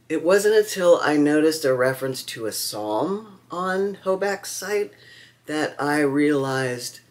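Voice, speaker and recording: A man talks through a knife review at home, wry and campy, full of chatty asides. His pitch swings widely from phrase to phrase, and he takes his time, speaking slowly. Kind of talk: casual vlog review.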